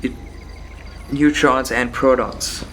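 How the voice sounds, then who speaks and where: Faint insect and cricket noise hums behind a medium-pitched man hosting a philosophical monologue on his own. His tone is steady and a bit bright as he reasons haltingly, circling back over phrases and questioning himself.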